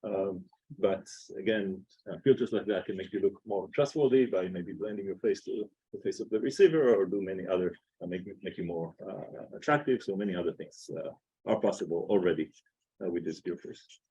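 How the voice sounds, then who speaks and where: A man with an Israeli accent giving an academic seminar talk in a lecture room, pausing often with "uh". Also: low-pitched, warm tone, breathy edge, muffled recording. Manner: halting, many filler "uh"s. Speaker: seminar speaker.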